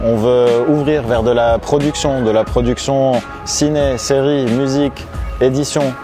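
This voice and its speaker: Man, 30s, mid-pitched, earnest founder pitch with hesitant fillers, over background music. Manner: earnest and reflective, frequent hesitant "euh" fillers. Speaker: founder pitching his project. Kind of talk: promotional personal narration. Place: outdoors on city rooftops. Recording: music playing under the voice.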